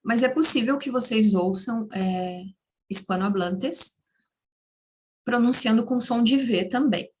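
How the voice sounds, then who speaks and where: Brief: woman language teacher, higher voice, unhurried, patient delivery for students. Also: a little mellow. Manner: patient, repeats words slowly for learners. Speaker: Spanish teacher. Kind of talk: slow explanatory language lesson.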